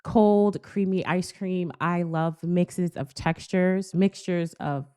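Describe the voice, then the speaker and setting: A woman's voice: on the low side, slow pace, clean tone. A woman in her thirties from Jamaica and raised in South Florida, a podcast guest telling stories with enthusiasm and frequent laughs. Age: 30s. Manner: enthusiastic, animated storyteller who laughs often. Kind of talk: casual podcast conversation.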